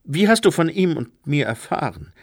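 A man's voice: fairly high pitch, very animated, normal speed, no echo, studio quality, voice pushed up. A man voicing a bewildered, earnest young man in an audiobook reading.

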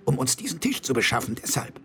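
Man voicing a smooth quick-witted young con man. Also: mid-range voice, very animated, pushed and bright, pitched above the performer's own voice. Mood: wry. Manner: smooth, innocent-sounding.

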